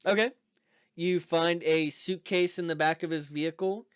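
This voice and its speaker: A man running a tabletop game as game master, describing scenes with pauses and fillers. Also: on the high side, fairly even intonation, clean tone, no room sound, studio quality.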